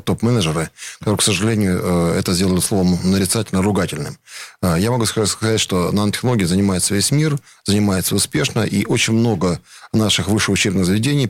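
A middle-aged man, a company executive guest, explaining his product off the cuff with frequent drawn-out hesitations. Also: low-pitched, no echo, studio quality. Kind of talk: unscripted explanatory promotional talk.

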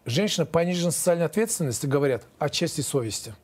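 A man in his fifties, a lawyer being interviewed, answering in a halting, repetitive, defensive way. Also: a little high, animated, darkish tone. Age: 50s. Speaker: lawyer, guest.

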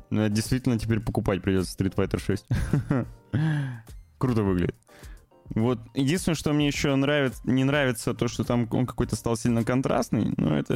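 A man's voice: medium pitch, a little mellow. A man hosting a gaming and film news show, commenting informally and hesitantly with ironic asides.

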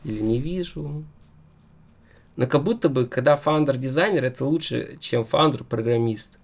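A man with a medium-pitched voice full of vocal fry. He interviews in a casual, chatty way, wandering through his questions and rewording them as he goes. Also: normal speed.

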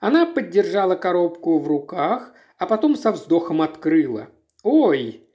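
Audiobook narrator, measured literary reading, very lively intonation. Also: medium pitch.

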